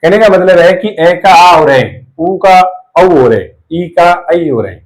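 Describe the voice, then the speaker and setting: A male Hindi teacher explaining spelling rules to exam students, asking questions and answering them himself while repeating key words slowly. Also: sits high, expressive, rough recording. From India.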